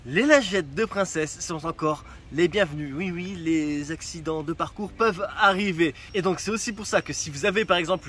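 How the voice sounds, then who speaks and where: A man's voice: on the high side, a bit bright, slight background noise. A man giving casual travel advice in a vlog, chatty and direct with joking asides, recorded outdoors in a town. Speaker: travel vlogger.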